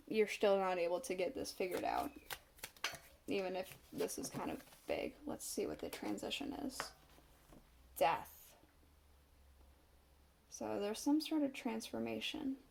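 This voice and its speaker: Over a noisy background, a tarot reader with a medium-pitched voice and vocal fry does a casual reading to camera. She's stuffed up from a cold, coughs a little, and muses aloud while turning the cards.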